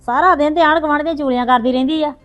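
A woman acting out a young daughter-in-law in a homemade family drama, defending herself in a quick, high stream of complaint. Her words come fast and keep piling up. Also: a bit bright, highs cut off. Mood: complaining.

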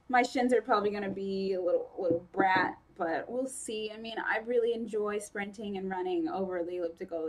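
Young woman rambling fast to camera, chatty, lots of likes and ums. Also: medium pitch. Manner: fast, chatty, lots of fillers and self-corrections. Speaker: fitness vlogger. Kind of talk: casual vlog chat.

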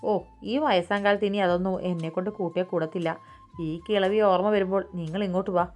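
A woman voicing a sharp-tongued old grandmother who scolds with contempt, with faint music behind. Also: fairly low pitch, steady tone, fast talker, close to an everyday voice. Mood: scolding.

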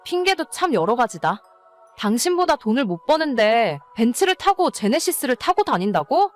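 A woman's voice: fairly high pitch, sing-song, moderate pace, soft background music. A woman playing an exasperated, nagging wife in a scripted dramatized story. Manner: nagging, scolding. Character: exasperated, scolding wife of an irresponsible husband. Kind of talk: scripted story narration and dialogue.

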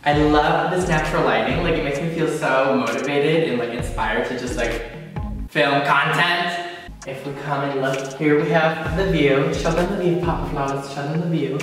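A man's voice: fairly high pitch, moderate pace. A young man in his twenties from Washington State, a beauty vlogger giving a bubbly, sassy tour of his empty apartment. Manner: bubbly, gushing, sassy exclamations. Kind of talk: casual vlog apartment tour. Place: large empty apartment indoors. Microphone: handheld camera at arm's length and far camera. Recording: very echoey empty room, distant mic, music behind.

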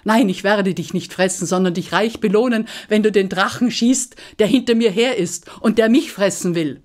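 A woman's voice: rumbling low, measured pace, a little mellow, slightly rough, full character voice. A woman voicing a grateful, cunning male dragon, pleading and coaxing in a storytelling performance.

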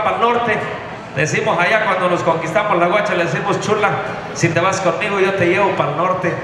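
A man's voice: high-pitched, noisy background. A man from Tierra Caliente, Mexico, emceeing a live stage show with a handheld mic, loose, joking and thankful. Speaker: event emcee. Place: large indoor event hall with a stage. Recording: echoey hall over live music.

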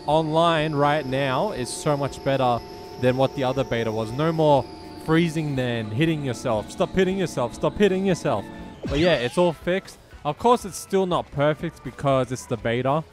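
A young man hosts a gaming video, rambling casually in slang and repeating himself, with game music in the background. His fairly high voice moves at normal speed and carries a phlegmy, rattly chest sound.

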